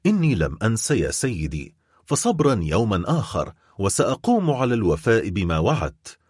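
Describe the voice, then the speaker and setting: A man voicing a stern male prosecutor who accuses his wife in grave, measured speech, in an audiobook. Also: on the low side, sing-song, darkish tone, husky, no echo, studio quality. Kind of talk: audiobook character voice.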